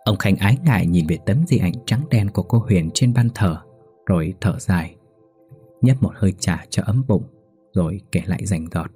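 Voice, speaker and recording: A man narrating a horror story in a slow, grave storytelling manner. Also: low-pitched, warm tone, breathy edge, faint music behind.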